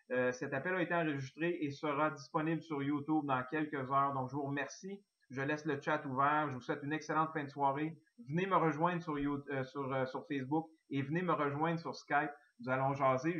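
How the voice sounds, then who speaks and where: A man with a Québécois French accent giving an eager, excitable sales pitch on a recorded online call, full of fillers and restarts. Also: lo-fi sound. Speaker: network marketing presenter.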